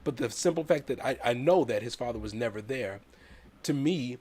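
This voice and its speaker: A man hosting a talk show, speaking in a heartfelt, halting way with many repeated words. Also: mid-range voice, lively intonation, darkish tone, breathy edge. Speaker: host. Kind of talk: casual chat.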